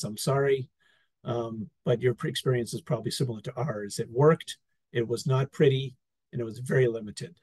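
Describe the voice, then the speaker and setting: A man walks through an experience report over slides on a video call, keeping it relaxed and wry, full of fillers and restarts. His mid-range voice is slightly rough, and there's no echo. It's a conversational talk over slides.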